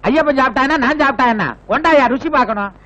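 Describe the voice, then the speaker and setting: A man's voice: very high voice, fast talker, pushed and bright, highs cut off. An actor playing a greedy, money-minded male guru who talks to pilgrims with scorn, in 1980s film dialogue. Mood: scornful. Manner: scornful, mocking.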